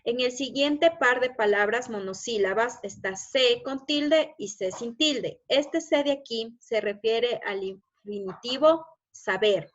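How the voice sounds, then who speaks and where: A woman's voice: on the high side, slow, hardly any pauses. Lo-fi teacher woman explaining slides. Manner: explanatory, checks in with frequent "¿ya?". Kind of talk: recorded lesson over slides.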